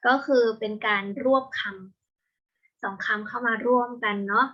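A young woman teaching an English vocabulary lesson, explaining patiently step by step and slowing down on each English word. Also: a little high, fairly even intonation, sharp tone. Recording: dull lo-fi home recording.

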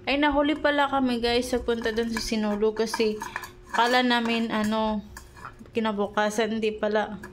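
A young woman talks casually into her phone at home, her voice sitting fairly high. She rambles and searches for words, filling gaps with little pauses, and sounds slightly out of breath. A faint hiss runs under the recording. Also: fairly even intonation. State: pregnant, short of breath. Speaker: vlogger. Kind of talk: casual chat vlog.

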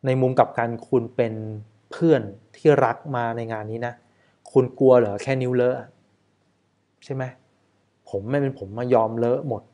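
A man's voice: medium pitch, fairly even intonation, normal speed, mellow, dull audio. A man, a wedding photographer, casually talking over footage in a chatty way, often asking rhetorical questions.

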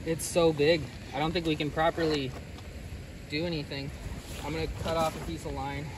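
A man's voice: fairly high pitch, little pitch movement, moderate pace. A man talking casually and coaching a friend while ice fishing outdoors. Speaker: fishing companion. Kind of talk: casual chat. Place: frozen lake outdoors. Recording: loud outdoor wind noise.

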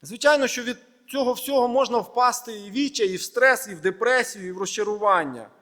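A man pastor giving a sermon, preaching in measured short phrases and building emphatic lists. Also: very high voice, sharp tone. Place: church hall. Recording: long reverb of a large hall.

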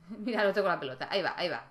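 A woman's voice: lowish voice, expressive, racing. A woman giving casual let's-play commentary, chatting to her game characters and checking in with viewers. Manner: chatty, talks to her game characters, frequent tag questions. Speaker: gaming YouTuber.

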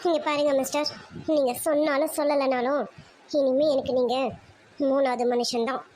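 A woman's voice: sits high, flat delivery, moderate pace, a little mellow, slight background noise, lightly acted. A woman voicing a hurt young woman in a cartoon drama, accusing and reproachful. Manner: reproachful, angry questioning.

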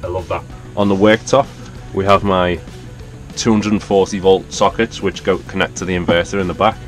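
Deep-voiced and steady, a thirties-aged van dweller with a Liverpool accent narrates a casual vlog tour of his small wooden camper van at a moderate pace, pointing out and explaining each feature. Soft music plays in the background, and a handheld action camera captures him close up.

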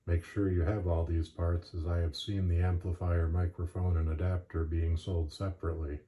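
Male instructional narrator, deep and monotone, plainspoken and unhurried in manner. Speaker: presenter of a gear demonstration.

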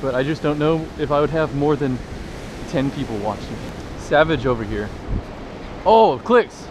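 Excitable young man on a windy beach. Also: fairly high pitch, moderate pace. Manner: excitable, joking, talks to viewers. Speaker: fishing vlogger. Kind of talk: casual excited vlog commentary. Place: beach by the surf, outdoors. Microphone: action camera. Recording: wind and surf noise.

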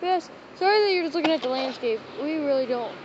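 Rambling young man with a high voice. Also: expressive, quick pace. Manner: rambling, defensive. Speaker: vlogger. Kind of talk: casual vlog chat while walking. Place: outdoors on a city street. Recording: muffled phone recording with traffic noise.

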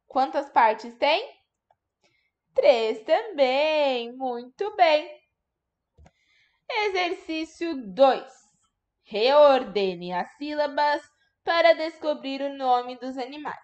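Slow, high-voiced woman teacher sounding out syllables. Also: highs cut off. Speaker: primary school teacher. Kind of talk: recorded remote lesson for young children.

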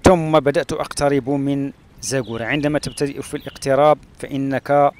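A man from Morocco narrating his travels along a rural road and through a palm oasis, pausing often with "uh" fillers. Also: medium pitch, steady tone, a little mellow, slight background noise. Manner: hesitant, with frequent "uh" fillers and pauses. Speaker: travel vlogger.

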